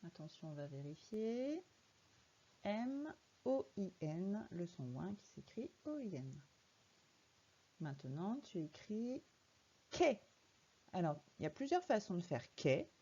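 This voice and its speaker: A woman's voice: fairly low pitch, sing-song, unhurried, mellow, slightly rough, muffled recording. A woman teaching a young child to read in a recorded lesson, patiently spelling words out letter by letter. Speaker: primary school teacher.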